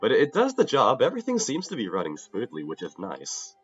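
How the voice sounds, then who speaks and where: The pitch of this young adult streamer's mid-range voice swoops wildly as he talks briskly and casually while gaming, his tone a bit bright. Slightly nasal and a little sick and tired, he rambles, breaks off to restart and laughs often, recorded in lo-fi with faint music behind.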